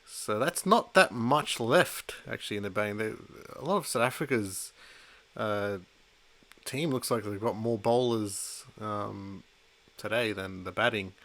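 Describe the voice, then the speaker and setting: Gravelly bright-voiced man talking cricket. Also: lowish voice, measured pace. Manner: laughs often, hesitant fillers. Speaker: co-host of a live cricket stream. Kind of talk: casual live match commentary.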